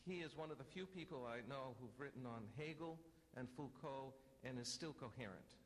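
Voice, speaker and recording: Dryly witty man at a conference podium. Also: medium pitch. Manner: dry wry humor, measured delivery with self-corrections. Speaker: panel moderator and speaker. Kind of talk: academic panel introduction and lecture. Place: conference room. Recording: reverberant hall, faint ambient noise.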